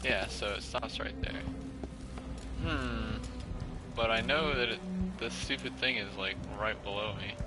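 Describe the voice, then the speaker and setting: A man's voice: fairly low pitch, unhurried. A man giving casual gameplay commentary, muttering to himself in a self-deprecating way. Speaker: gamer, let's-play host. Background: game music.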